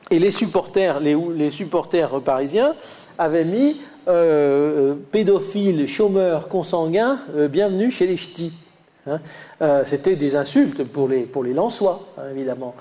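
A man lecturing a class in a somewhat high yet mellow voice, with a light Lyonnais accent. He stops and starts often, filling gaps with hesitant sounds. He talks the listeners through slides. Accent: Lyonnais French, slight. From Lyon, France. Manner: hesitant, many "euh" fillers and restarts.

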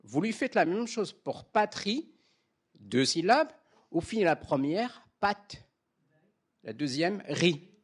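Lively male lecturer with a background. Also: sits high, takes it slowly, pauses often, husky. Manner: checks in often with the class, demonstrates sounds aloud. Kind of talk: classroom lecture on phonology.

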